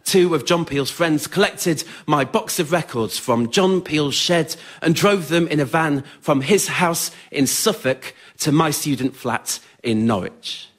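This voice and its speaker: On stage in a radio theatre, a man performs his own one-man spoken word show, delivering scripted, autobiographical comic stories as the audience laughs. His voice is slightly high, his pace measured, with few pauses.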